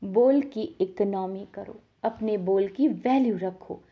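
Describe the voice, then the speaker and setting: A woman giving a devotional sermon on the daily lesson, lively, asking her listeners questions and answering them herself. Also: mid-range voice, slow pace, narrow, tinny audio. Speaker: spiritual teacher explaining the daily lesson. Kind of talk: devotional sermon, explaining a scripture reading.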